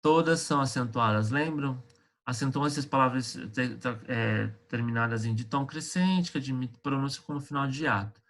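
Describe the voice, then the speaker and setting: Chatty teacher checking in with students. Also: male voice, medium pitch, normal speed, fairly bright tone. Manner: conversational, checks in with students often; hesitant, with frequent fillers and restarts. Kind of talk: online lesson going over exercises.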